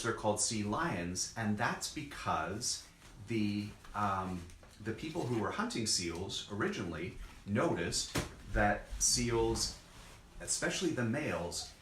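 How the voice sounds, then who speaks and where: A man's voice: on the low side, a bit bright. A man co-hosting a children's lesson as a zoologist, explaining things casually and simply in short pieces. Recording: echoey room, background noise.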